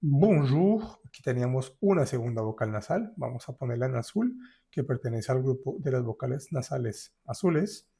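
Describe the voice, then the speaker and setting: Man teaching French vowels, slow demonstrations. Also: mid-range voice, animated, vocal fry, mellow, husky. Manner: slow, drawn-out syllable-by-syllable demonstration. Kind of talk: pronunciation lesson.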